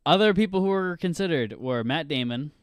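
A man's voice: on the high side, expressive, brisk, clear, resonant tone, no room sound, clean studio sound. A man hosting a podcast in casual chat, rambling through lists of names with many fillers. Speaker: podcast host.

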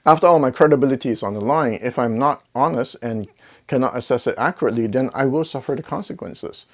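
A middle-aged man reviews audio gear to camera in an indoor home listening room, speaking fast at a medium pitch. He's casual and conversational, tossing in jokey asides and rhetorical questions. He wears a clip-on lapel mic.

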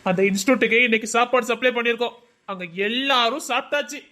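A man's voice: very high-pitched, sharp tone. A man playing a caring young friend who reassures his coworker and urges him to eat. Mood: reassuring. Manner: reassuring, brisk.

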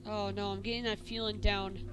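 A woman's voice: mid-range voice, little pitch movement, a little fast. A woman giving let's play commentary on a horror game, jumpy and easily startled, reacting aloud to each scare. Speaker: gaming channel host. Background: loud game music.

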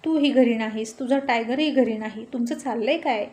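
A wife and mother scolds her husband and kids, fond but firm, as a woman narrator puts her on. The voice is fairly high with a faint hiss behind it. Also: normal speed, a little mellow, close to an everyday voice. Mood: chiding. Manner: chiding, affectionate.

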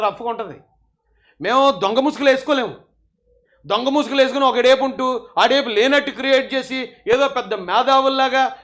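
A man's voice: extremely high pitch, pushed and bright. A man giving heated political commentary, mocking and scolding his opponents in a sarcastic, taunting way.

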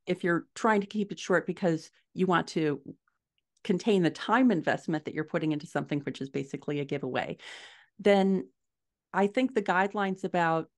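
Her voice on the low side and her pace normal, a middle-aged American woman thinks aloud as an interview guest. The author and podcaster explains things conversationally over a video call from her living room at home.

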